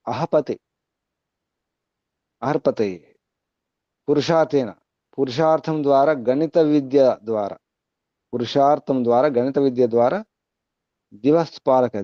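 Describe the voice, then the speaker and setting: Man slowly explaining a Vedic verse. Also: medium pitch, warm tone, dry recording, muffled recording. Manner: chants the verse slowly, then explains it in measured phrases. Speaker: Vedic teacher.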